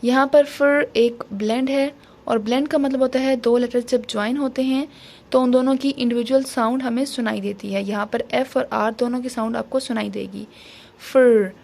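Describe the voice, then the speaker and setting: A woman teaching phonics, sounding out letters one at a time in a slow, drawn-out way. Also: a little high, steady tone, gravelly, a little mellow. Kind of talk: slow phonics lesson mixing Hindi and English.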